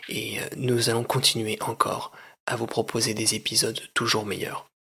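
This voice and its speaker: A man hosting a comedy podcast in a deadpan, pompous announcer style, with a husky voice. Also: lowish voice, moderate pace. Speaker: podcast host and narrator. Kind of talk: mock-formal comic radio presenting.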